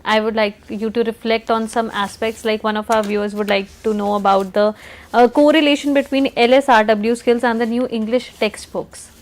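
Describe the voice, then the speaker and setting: A woman's voice: on the high side, fairly even intonation, moderate pace. A woman with an Indian accent hosting a live educational programme in a formal, courteous manner. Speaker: host of live educational broadcast.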